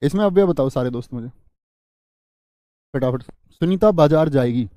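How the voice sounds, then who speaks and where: A man teaching Hindi grammar in a live online class, repeating key phrases slowly, quizzing viewers and answering their chat. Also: on the high side, expressive, mellow, no echo, clean studio sound. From India.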